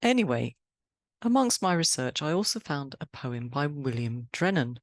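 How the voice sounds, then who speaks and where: A woman from England hosting a poetry podcast, talking in a chatty, brisk, cheerfully emphatic way and interviewing a guest. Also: low voice, expressive, no echo. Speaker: podcast host.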